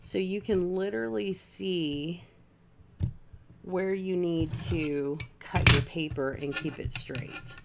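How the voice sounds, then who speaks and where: A woman's voice: fairly low pitch, slow, gravelly, very noisy. A woman livestreaming while she crafts, chatting casually and rambling to her viewers with lots of fillers.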